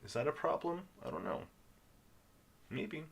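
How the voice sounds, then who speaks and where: A man teaching English reading to learners, sounding out words patiently and repeating them in a slow guided lesson. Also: a little high, sing-song, creaky, slight background noise.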